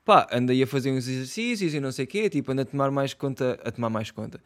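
A man's voice: medium pitch, lively intonation, quick pace. A young man with a European Portuguese accent, ranting casually in slangy, swear-filled talk with lots of fillers. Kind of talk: casual rant.

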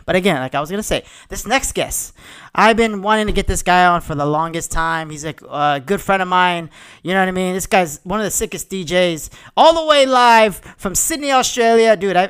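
Boisterous hype-man podcast host, clear voice. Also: high voice, a bit bright. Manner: boisterous, repeats phrases, swears freely. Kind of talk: hyped, slangy party podcast hosting.

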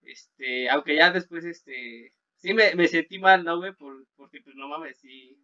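A young man with a Mexican Spanish accent talks in a laid-back, slangy way, full of fillers. His voice is bright and sharp and sits a little high. The sound is dull and lo-fi. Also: unhurried. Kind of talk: casual chat.

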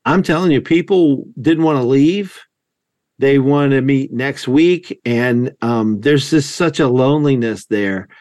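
A man's voice: medium pitch, measured pace, no room sound. Man talking in a dry, close sound. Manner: animated storyteller, acts out quoted lines. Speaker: podcast host. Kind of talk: casual conversational discussion.

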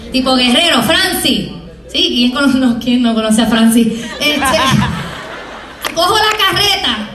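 Puerto Rican woman professor, lively motivational speaker, slightly distant mic. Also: high voice. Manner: lively, acts out scenes in small voices. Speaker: university professor. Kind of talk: motivational talk to students. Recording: echoey room, from far off.

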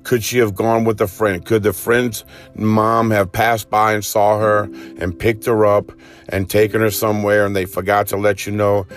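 A man's voice: lowish voice, little pitch movement, normal speed, soft background music. A man preacher telling a vivid second-person story in a sermon, acting out urgent cries as it builds.

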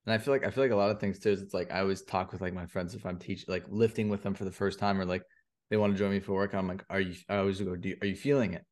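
Young man, low pitch, rapid pace, casual podcast chat, animated storyteller. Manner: animated storyteller, acts out friends' voices, laughs often. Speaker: podcast co-host.

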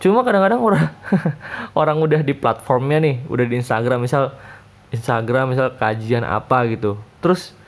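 A man's voice: medium pitch, steady tone, moderate pace. A young man from Indonesia, giving his opinions in a casual, chatty monologue full of fillers.

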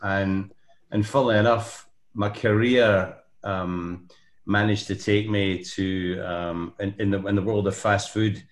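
A man's voice: fairly low pitch, fairly even intonation, unhurried. Older Scottish man telling rambling stories. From Scotland. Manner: rambling anecdotal storyteller, many ums and restarts. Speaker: guest. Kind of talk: casual podcast chat. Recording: roomy echo.

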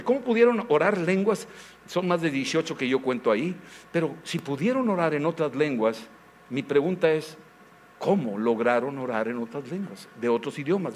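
A man, a pastor preaching a sermon in a lively style, full of questions to the congregation. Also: on the high side, a little hiss or hum. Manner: animated preaching with many rhetorical questions. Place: church service.

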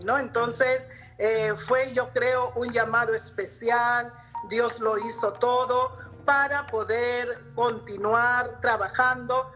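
High-voiced Peruvian woman telling a testimony. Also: fairly bright tone, poor audio. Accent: Peruvian Spanish. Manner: earnest storytelling, often tagging phrases with "¿no?". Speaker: interviewee giving a faith testimony. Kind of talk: personal testimony in conversation.

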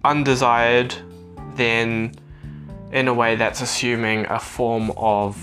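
A young man with a New Zealand accent records a casual solo podcast on his phone's voice recorder. He speaks earnestly and reflectively at a middling pitch, with guitar music behind him. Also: flat delivery, slow pace, fairly bright tone. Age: young adult. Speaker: podcast host.

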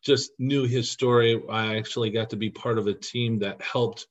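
An earnest man shares stories as a podcast guest, his voice at a middling pitch. He talks with feeling, growing emotional as he goes. The recording sounds a little dull and lo-fi. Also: fairly even intonation, normal speed. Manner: earnest, emotional when recounting. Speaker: podcast guest, costumed volunteer. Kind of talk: storytelling in an interview.

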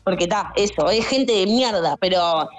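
A woman's voice: a little slow, faint music behind. A young woman, telling funny stories in a casual podcast chat. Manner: animated, acts out customers in high shouted voices. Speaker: guest storyteller, stand-up comic.

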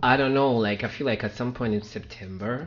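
A man's voice: mid-range voice, fairly quick. Easygoing laughing man on a podcast. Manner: easygoing, laughing, mixes English and Danish. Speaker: podcast guest. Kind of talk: casual chat. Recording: dull lo-fi podcast audio.

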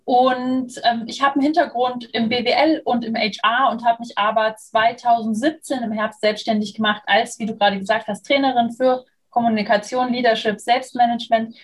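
A freelance trainer and moderator in her thirties from Munich, in southern Germany, speaks casually as an interview guest. Her voice is fairly high with fairly even intonation, and she keeps a moderate pace with few pauses.

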